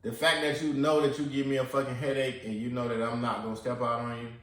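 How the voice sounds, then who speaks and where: Man, podcast co-host, lively quoting, mid pitch, very echoey room. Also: fast talker. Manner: animated, acts out quoted lines; eating while talking. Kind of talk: casual chat.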